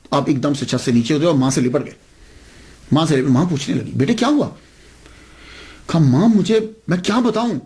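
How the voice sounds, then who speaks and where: Animated male preacher. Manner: animated storytelling, acting out dialogue with swings of pitch. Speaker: Islamic preacher. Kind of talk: sermon storytelling.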